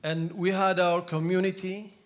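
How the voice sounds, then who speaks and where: A man in his forties gives his testimony in English at a church, in short halting phrases with pauses. His voice sits a little higher than most men's, and he often repeats a word while searching for the next one. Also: level tone. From Ethiopia. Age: 40s. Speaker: guest speaker.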